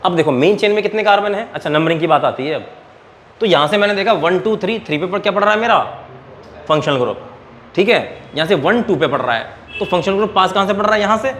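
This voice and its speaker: Male chemistry tutor, classroom lecture, slightly raised pitch, quizzing students, quiet background noise. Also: expressive, fast talker. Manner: quizzes students and answers his own questions; calls students "beta". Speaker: chemistry teacher.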